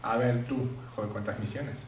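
A young man with a Spain Spanish accent rambles through a game, cracking jokes and cursing under his breath. His mid-pitched voice sounds a little off-mic in a roomy space with faint hiss underneath. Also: fairly even intonation, normal speed, a little mellow. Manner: joking, swears casually, reads game text aloud. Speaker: gaming channel host. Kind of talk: let's play commentary. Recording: echoey room, distant mic, faint hiss.

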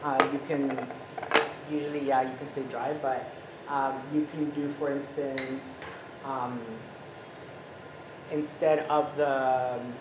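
A man's voice: medium pitch, slow, long pauses. Man in his 30s from Ecuador, chef, cooking demo chat, roomy kitchen sound, audible noise behind. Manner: relaxed, explanatory, many fillers. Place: home kitchen, indoors. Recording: echoey kitchen with background noise.

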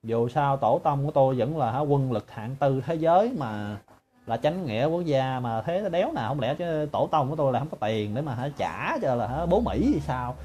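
A man's voice: medium pitch, expressive, moderate pace, warm tone. A man giving a sarcastic, mocking monologue to his viewers. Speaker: political commentator.

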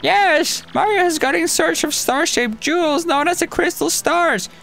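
A man's voice: extremely high pitch, a little slow, creaky, a bit bright, faint music behind, voice pushed up, heavily acted. A man voicing a fussy, fawning old female Koopa witch who serves a monster king. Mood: informative. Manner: fawning, overly polite. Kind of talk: voicing game dialogue.

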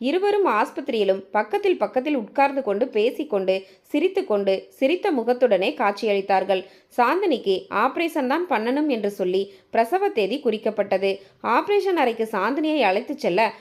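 A woman narrating a family story in a steady read-aloud way, softening her voice for the characters' lines. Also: fairly high pitch.

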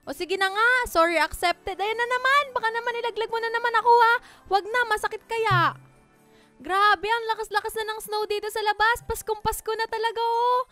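A woman's voice: extremely high pitch, fairly even intonation, brisk, sharp tone, soft background music. A Filipina woman with a Filipino accent, chatting playfully and teasing while roleplaying in a game, laughing often. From Philippines. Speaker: Roblox roleplay creator.

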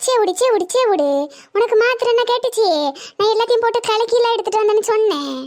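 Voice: very high-pitched, fast talker. A voice actor playing a sly young village woman who sweet-talks the others, in a cartoon comedy. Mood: scheming. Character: scheming young village woman poisoning the sisters.

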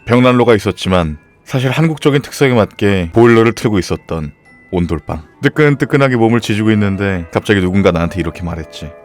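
Deep-voiced man rambling playfully on stream. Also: fast, soft background music. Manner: playful, absurd rambling jokes. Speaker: live streamer. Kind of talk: casual live-stream chat.

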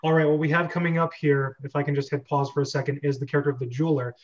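A young adult man with a fairly high pitch speaks very fast and flat as he hosts a script reading club, reading stage directions and chatting casually. He's in his bedroom on a video call, and the webcam audio is dull and lo-fi.

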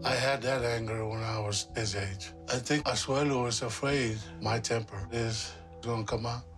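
A middle-aged man talks in a serious, unscripted way, with a mid-range pitch. He takes his time and pauses often as he goes. Faint music plays behind him. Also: fairly even intonation. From Pacific islands, Samoa. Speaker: father-in-law, reality show participant. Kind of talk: unscripted serious conversation and interview. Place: small indoor room in a house.

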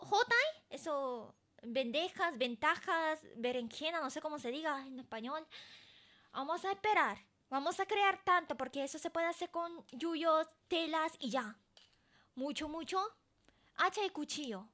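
A woman streaming a game and chatting casually with her viewers, excitable and laughing often. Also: high-pitched. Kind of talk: casual live-stream chat while gaming.

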